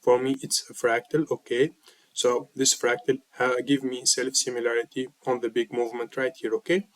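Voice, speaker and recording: A man's voice: medium pitch, flat delivery, moderate pace, no room sound, rough recording. A man with a slightly sick voice, walking viewers through a trading chart lesson and checking in with a repeated "okay?". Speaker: trading mentor.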